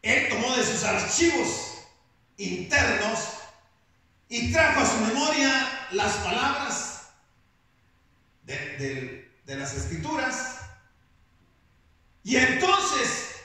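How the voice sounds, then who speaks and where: High bright voice, preacher guy, slow and emphatic, big echoey church hall, mic a bit far off. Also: very animated. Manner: slow, emphatic preaching with dramatic rises into shouts. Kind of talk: sermon. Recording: very echoey hall, voice picked up from a distance.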